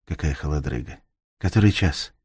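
A man's voice: very deep voice, animated, normal speed, darkish tone, slightly rough, no room sound, studio quality, exaggerated voice. A man reading as a drowsy, uneasy young woman. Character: young woman friend, drowsy, quietly frightened.

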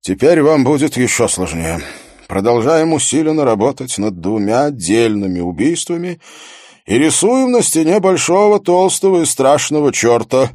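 A man's voice: medium pitch, sing-song, normal speed, a little mellow, no room sound, clean studio sound, pitched above the performer's own voice, natural voice. A man voicing a brusque police chief summing up a briefing and giving orders. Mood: commanding. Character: gruff commanding male police chief.

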